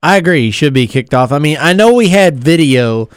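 A man's voice: on the high side, lively intonation, fairly quick, clean tone, no room sound, studio quality. A man co-hosting a casual sports talk show, laughing often as he gives his opinions.

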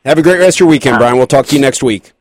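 A man hosting a sports call-in radio show, speaking in a polite, measured way. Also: medium pitch, dry recording.

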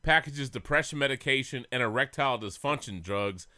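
A man's voice: medium pitch, fairly quick, sharp tone. A man hosting a sports podcast in crude, joking, boozy casual banter, swearing freely and prone to laughing. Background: laughing co-hosts.

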